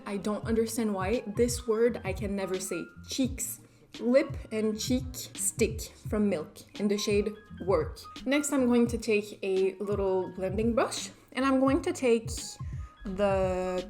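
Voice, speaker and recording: A just-woken beauty vlogger, young and French Canadian, walks through a makeup tutorial in a mid-range, somewhat dark voice. Her casual chatter is laid-back and pokes fun at herself.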